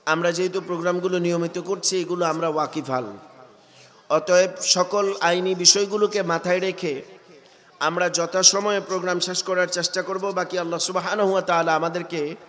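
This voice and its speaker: High, bright-voiced preacher with a cold. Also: male voice, steady tone, brisk, long reverb tail. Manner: questions the crowd and builds to loud emphatic peaks. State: has a cold. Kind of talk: sermon at a religious gathering.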